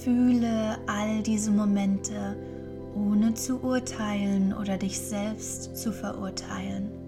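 Female meditation guide: soft breathy near-whisper, slow, level pitch, soothing. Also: steady tone, music in the background. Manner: soothing, unhurried, gentle instructing. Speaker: podcast host and guided meditation leader.

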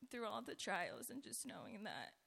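A woman with a raspy voice giving a personal church testimony, speaking hesitantly with pauses. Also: medium pitch, sing-song, a bit bright.

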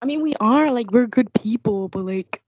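A woman's voice: fairly high pitch, lively intonation, moderate pace, noisy background. A young woman chatting casually to an audience in an ironic, slang-heavy Gen Z manner. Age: young adult. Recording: slightly dull lo-fi close recording.

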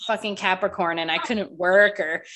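Speaking at a moderate pace with fairly even intonation, this female podcast host has a medium-pitched voice that comes across pushed and bright. Her casual, chatty talk is loose and full of swearing and "like," and she sounds a bit nasal and congested, with a slight cough.

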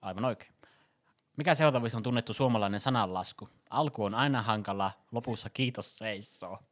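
Low-voiced male podcast host, brisk, blunt and teasing, quiz reader. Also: fairly bright tone. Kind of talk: casual podcast chat with quiz questions.

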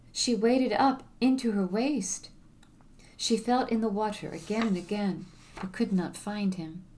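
A woman storyteller narrating a fable in a measured, expressive reading. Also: medium pitch.

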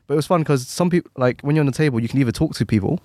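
A man co-hosting a podcast in casual chat, rambling quickly with many restarts and fillers. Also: medium pitch, a little mellow, no room sound. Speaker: podcast co-host.

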